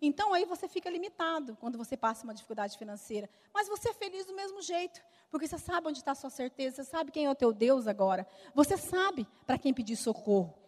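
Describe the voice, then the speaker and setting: A middle-aged woman with a Brazilian Portuguese accent sharing a personal testimony with lively storytelling and acted-out dialogue, in a church hall. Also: high-pitched, fast, hardly any pauses. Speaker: speaker giving a testimony. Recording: long reverb of a large hall.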